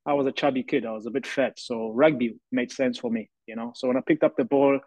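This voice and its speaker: A man's voice: mid-range voice, fairly even intonation, fast talker, a little mellow, no room sound. A man, telling his story earnestly and reflectively as a podcast guest. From South Africa. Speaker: guest, professional rugby player. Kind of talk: podcast interview. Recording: dry, slightly dull lo-fi audio.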